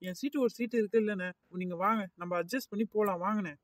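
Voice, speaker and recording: A man's voice: sits high, quick pace, far from the mic, a little hiss or hum, natural voice. A man voicing a kind young male passenger in a cartoon, an eager peacemaker who pleads and soothes. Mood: soothing. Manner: pleading and soothing, keeps saying brother. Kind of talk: cartoon voice acting.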